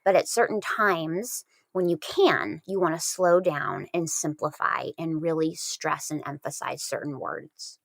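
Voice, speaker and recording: A woman speech therapist explaining clearly on a podcast, stressing key words. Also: sits low, expressive, a little slow, few pauses, no echo. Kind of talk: conversational podcast advice.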